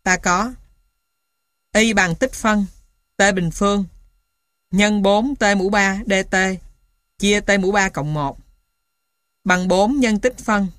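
A woman reading scripted material as dictation, piece by piece, in a measured, matter-of-fact way, like an instructor. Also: medium pitch, a bit bright, dry recording, clean studio sound. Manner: dictating symbols and punctuation one piece at a time. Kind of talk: scripted dictation of maths formulas.

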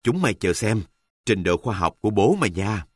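A man's voice: fairly low pitch, big pitch swings, fairly quick, breathy edge, dry recording, clean studio sound. A man voicing a stubborn, boastful hard-drinking husband who talks bluntly and crudely.

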